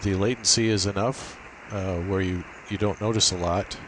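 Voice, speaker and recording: Over a hissy built-in laptop mic, a low-voiced man talks at normal speed as an amateur radio operator giving an informal screen demo walkthrough. The cheap microphone produces a steady hiss throughout.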